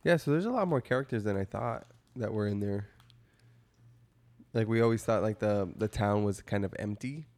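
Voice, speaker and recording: A podcast co-host in relaxed, casual chat, trading crude, teasing jokes. The voice sits at a middle pitch. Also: normal speed.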